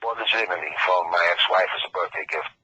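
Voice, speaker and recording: A man's voice: low-pitched, fast, pushed and bright, husky. A middle-aged man from Queens with a New York accent, earnestly telling his own detailed story as testimony on a prison phone call.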